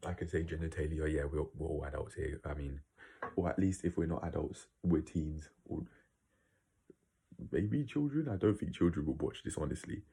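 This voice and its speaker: A man's voice: very deep voice, moderate pace, creaky, dark tone, slightly rough. A man giving a casual, opinionated monologue to viewers, rambling and blunt, with some swearing. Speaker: video creator.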